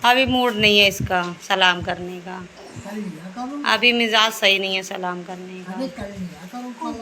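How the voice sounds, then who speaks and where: A woman's voice: mid-range voice, slow pace, a crowd in the background. A woman filming a casual family vlog at home on her phone, chatting to viewers while looking after her children. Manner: chatty, addresses viewers as guys while tending to kids. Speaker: vlogger and mother. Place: home, indoors.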